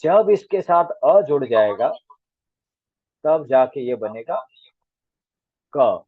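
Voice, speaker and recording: A man's voice: mid-range voice, sing-song, slow pace, slightly rough, no echo. A man teaching a grammar class online, patiently spelling out letter sounds one at a time. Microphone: video call. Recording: tinny dry call audio.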